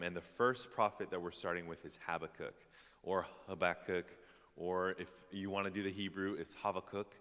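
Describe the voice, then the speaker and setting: Bright-voiced man preaching in a hall. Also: sits low. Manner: casual and self-deprecating, with many fillers. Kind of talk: sermon. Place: church hall. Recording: long hall reverb.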